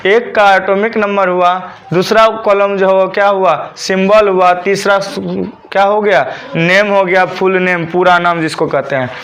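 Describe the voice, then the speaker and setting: Guy teaching a class, fairly high voice, keeps asking the room to repeat after him. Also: fairly even intonation, unhurried, hardly any pauses, fairly bright tone. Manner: drills students with repeated call-and-response questions. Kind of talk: classroom lesson.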